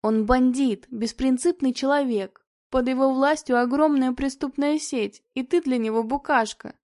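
A spiteful young woman hisses threats and sneers at her rival, as a female audiobook reader puts her on. The voice sits a touch high and stays soft and mellow rather than sharp, with a scornful, menacing edge. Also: normal speed, lightly acted. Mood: threatening.

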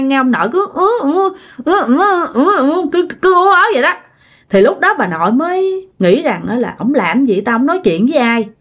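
A woman with a Southern Vietnamese accent telling a ghost story in a chatty way, talking directly to her listeners. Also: mid-range voice.

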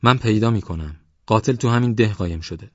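A man's voice: on the low side, dry recording, lo-fi sound, natural voice. A man voicing a bossy, angry rural police sergeant who barks orders in an audiobook. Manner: barking orders, harsh. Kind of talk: audiobook character voice.

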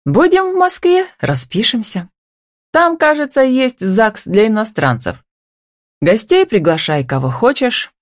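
A woman's voice: fairly high pitch, big pitch swings, measured pace, no room sound, pitched above the performer's own voice. A woman reading an audiobook and voicing a confident, wealthy businessman who teases and gives orders in a drawling, playful way, recorded dry and close.

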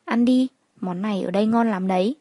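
A woman's voice: medium pitch, fairly quick, warm tone, dry recording, close to an everyday voice. A woman doing a brash, chatty friend. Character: blunt, chatty young wife friend.

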